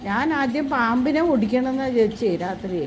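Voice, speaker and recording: A woman coaxing and gently scolding her pet in an affectionate, sing-song voice. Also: a little high, normal speed, slight background noise, low-quality recording. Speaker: pet owner filming her pet. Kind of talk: cooing talk to a pet.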